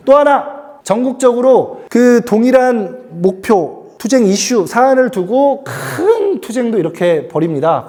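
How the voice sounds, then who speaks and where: A middle-aged man giving a lively lecture to new union members, acting out quoted voices and dialect lines. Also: high voice. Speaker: union educator.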